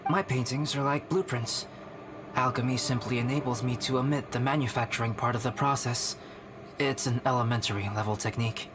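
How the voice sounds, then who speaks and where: A man playing a calm, polite, analytical young alchemist in a video game, speaking gently and matter-of-factly. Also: medium pitch, noisy background, lightly acted. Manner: measured, matter-of-fact, gentle. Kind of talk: animated video game voice acting.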